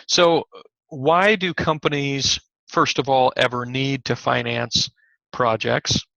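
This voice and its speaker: Slightly hoarse man giving an online lecture. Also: mid-range voice, steady tone, takes it slowly, bright, forceful tone, dry recording, low-quality recording. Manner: conversational, many fillers and restarts. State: slightly hoarse, scratchy throat. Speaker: college instructor. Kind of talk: recorded online class lecture.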